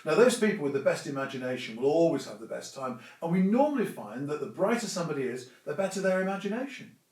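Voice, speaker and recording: A man with a fairly high voice talks informally and instructively, like a presenter giving practical advice. His delivery is conversational but emphatic. The recording is echoey, with the microphone some way off. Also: very animated, quick pace, a little mellow. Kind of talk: informal explanatory talk to camera or audience. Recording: echoey room, distant microphone.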